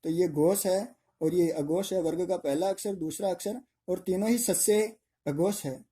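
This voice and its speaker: Mellow-voiced male Hindi grammar teacher. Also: sits high, normal speed. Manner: explains step by step, asking and answering his own questions. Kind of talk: exam-prep grammar lesson.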